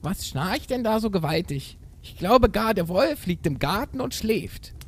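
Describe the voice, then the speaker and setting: A man voicing a tiny, eager young goat kid in a storybook, with a piping high squeak. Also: very animated, unhurried, heavily acted. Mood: whispery alarm.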